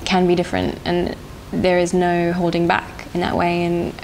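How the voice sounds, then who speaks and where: A woman's voice: on the low side, completely flat delivery, normal speed, darkish tone, poor audio. A young woman from South Africa, a band singer, answering interview questions in a thoughtful, hesitant way with frequent laughs. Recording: faint background noise.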